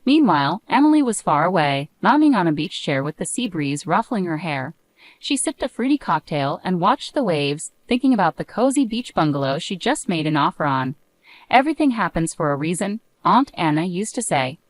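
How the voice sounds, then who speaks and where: A woman narrating a drama story in a scripted, expressive storytelling voice. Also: fairly low pitch, normal speed, no echo, poor audio.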